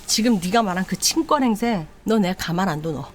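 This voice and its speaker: A woman's voice: medium pitch, expressive, a little fast, a little hiss or hum, close to an everyday voice. A woman voicing a betrayed wife who hurls accusations and threats at her husband and his lover. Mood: furious. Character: betrayed wife, furious and vengeful.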